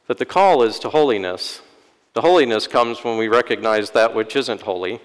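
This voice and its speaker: A priest delivering a sermon in a church, with wry, self-deprecating humor. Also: male voice, mid-range voice, moderate pace. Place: church sanctuary. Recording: long church-hall reverb.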